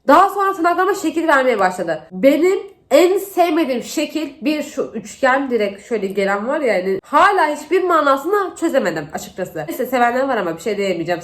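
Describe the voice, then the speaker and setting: Animated high-voiced young woman vlogging. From Turkey. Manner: animated, exasperated retelling with acted-out dialogue. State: has the flu. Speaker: beauty vlogger. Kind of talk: casual storytelling while doing makeup.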